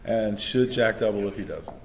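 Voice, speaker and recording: A man from Texas giving relaxed, chatty live commentary on a backgammon tournament, laughing often. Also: lowish voice, moderate pace. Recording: crowd noise in the background.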